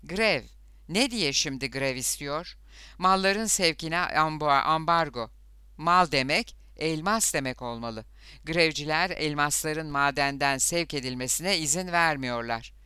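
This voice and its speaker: Guy reading a hot-headed scheming outlaw, bright crisp voice, bitter and quick to snap. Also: fairly high pitch, dry recording, clean studio sound. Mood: puzzled. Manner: bitter, hot-tempered outbursts. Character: fierce scheming man, outlaw leader. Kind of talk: audiobook character voice.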